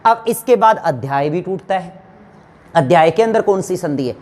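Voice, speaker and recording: A woman's voice: lowish voice, animated, moderate pace, a little mellow. A woman teacher giving a grammar lesson to exam students, asking questions and answering them herself. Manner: addresses students fondly as children.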